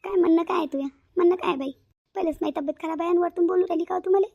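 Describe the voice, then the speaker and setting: A woman's voice: extremely high pitch, very fast, gravelly, dark tone, lo-fi sound, voice pushed up. A woman doing a whiny, sly young wife. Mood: whiny sick. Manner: whiny, drawling, wheedling. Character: lazy scheming young woman feigning illness.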